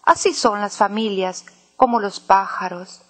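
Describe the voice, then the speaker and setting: Slow, expressive woman narrator. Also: mid-range voice, no room sound. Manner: slow, clear, expressive reading. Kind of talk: storybook reading.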